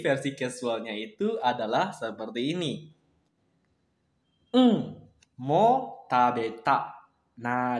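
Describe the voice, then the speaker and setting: A man teaching Japanese in a casual video lesson, friendly and patient, slowing down carefully whenever he models example sentences. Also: fairly high pitch, reverberant.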